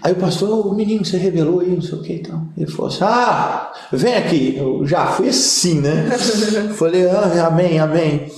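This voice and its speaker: A slightly high voice at a moderate pace belongs to this young pastor from Brazil, who is telling funny stories in a casual interview. Animated and comic, he acts out quoted voices, all captured in an echoey room.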